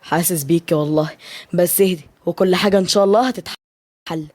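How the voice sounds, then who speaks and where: A woman with an Egyptian Arabic accent voicing a protective, loyal young man, steady and reassuring. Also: fairly low pitch, quick pace, no echo, lightly acted. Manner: steady, reassuring, provoking on the phone.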